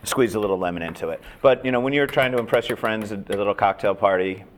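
A man's voice: fairly low pitch, fast talker, a little hiss or hum. A man hosting a cooking segment, chatting easily and asking his guest questions. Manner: easygoing, chatty, asks questions. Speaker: host.

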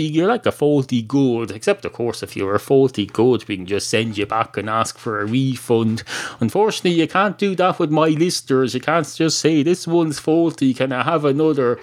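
A man hosting a podcast, rambling through a digressive and sardonic comic monologue. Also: medium pitch. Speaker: podcast host.

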